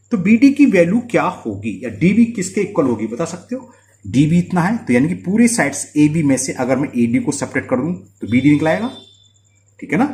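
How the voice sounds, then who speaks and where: Lively man teaching maths. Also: on the high side, reverberant. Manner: checks understanding often with quick questions. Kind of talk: board-work maths lesson.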